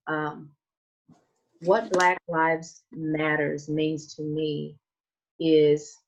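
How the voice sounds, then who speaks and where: Woman hosting, muffled call audio. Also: deep voice. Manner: warm, earnest, with hesitant restarts. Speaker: host of a group discussion. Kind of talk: video call group discussion. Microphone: video call.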